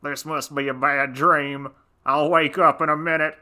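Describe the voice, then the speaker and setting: A man's voice: on the high side, little pitch movement, measured pace, sharp tone. A man voicing a weary, exasperated male pet owner on a storybook record. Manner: exasperated, groaning.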